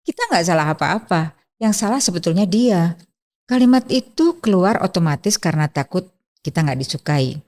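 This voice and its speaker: A woman, hosting an etiquette channel and calmly giving scripted self-improvement advice straight to the listener. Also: low-pitched. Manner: calm, gently instructive, addresses listener directly.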